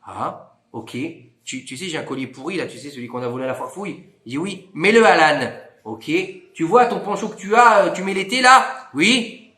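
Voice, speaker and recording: In a lively, storytelling Torah lesson, a man tells a story at a moderate pace and acts out the dialogue with big pitch swings. The recording is reverberant.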